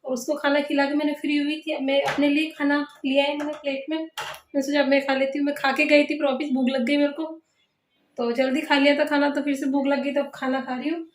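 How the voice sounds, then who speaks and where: A woman and mother chatting casually in a home vlog, talking to the camera and gently scolding her children indoors. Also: high-pitched, little pitch movement, fast talker, a little hiss or hum. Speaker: family vlogger and mother.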